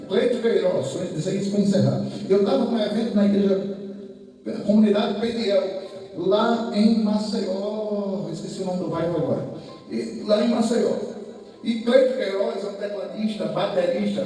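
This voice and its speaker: A man preaching a sermon, telling a story that builds to shouted emotional peaks. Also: high voice, normal speed. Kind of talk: sermon testimony. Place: large echoey church hall. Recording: echoey church hall from far off, faint music.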